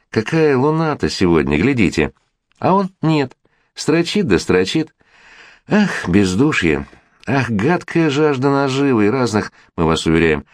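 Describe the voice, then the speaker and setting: A man with a deep, low voice reads a literary story aloud, wry and ironic as he talks straight to the reader. His delivery moves lively up and down, and the recording is dry and close with no room sound. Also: dry recording. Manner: ironic, addresses the reader directly. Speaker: narrator. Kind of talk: literary audiobook narration.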